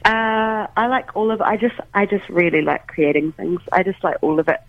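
Halting musician on a tinny phone line. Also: mid-range voice, no room sound. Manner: hesitant, many ums and restarts. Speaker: musician guest. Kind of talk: casual interview over the phone. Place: at home, making coffee.

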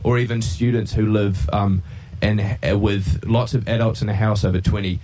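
A man with a New Zealand accent asking polite, halting questions as a radio interviewer. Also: on the low side, fairly even intonation, mellow.

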